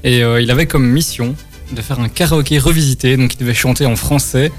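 A man's voice: mid-range voice, brisk, soft background music. A man chatting casually as co-host of a radio show. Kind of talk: casual chat.

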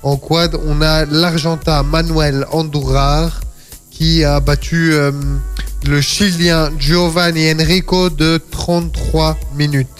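A man's voice: on the high side, level tone, slow pace, faint music behind. A man co-hosting a radio show, reading race results hesitantly with many fillers. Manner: hesitant, many fillers, stumbling over names. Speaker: radio co-host.

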